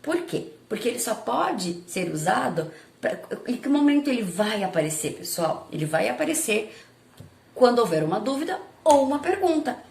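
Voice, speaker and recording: Brazilian woman teacher, gravelly, echoey. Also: on the high side, very animated, moderate pace, a little mellow. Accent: Brazilian Portuguese. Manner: patient, explaining step by step with frequent check-ins. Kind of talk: recorded review lesson for pupils.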